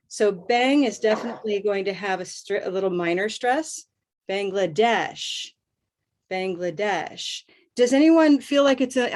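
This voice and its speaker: Upbeat middle-aged American woman, online pronunciation teacher, slow repetitive drilling. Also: mid-range voice. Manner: upbeat, drills words by repeating them slowly. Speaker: host and English pronunciation teacher. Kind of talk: live online pronunciation lesson.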